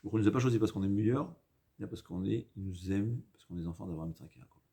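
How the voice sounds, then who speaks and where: Low-voiced man teaching in foreign-accented French. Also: creaky, warm tone. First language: not a native French speaker. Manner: halting, repeats and rephrases for emphasis, mixes in Hebrew quotations. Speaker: rabbi giving a religious lesson. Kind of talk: informal Torah lecture.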